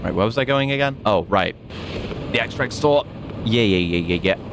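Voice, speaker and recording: A man's voice: on the low side, lively intonation, moderate pace, background noise. A man giving casual gameplay commentary, thinking aloud in a rambling way. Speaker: video game streamer.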